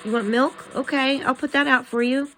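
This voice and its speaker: A woman hosting a spirit box session, talking casually in a gentle, chatty, coaxing way as she asks questions. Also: high-pitched, steady tone, normal speed, noisy background.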